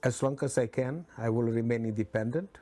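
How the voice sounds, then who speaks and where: Measured man in his seventies. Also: mid-range voice, mellow, faint music behind. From Chernivtsi area, then Romania. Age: 70s. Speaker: Holocaust survivor interviewee. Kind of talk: documentary interview.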